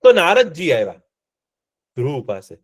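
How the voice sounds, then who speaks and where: A man tells a story to a class of children. His voice is fairly high and lively, and it rises and falls as he goes. He keeps stopping to ask the children questions. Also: moderate pace. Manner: asks the children questions often.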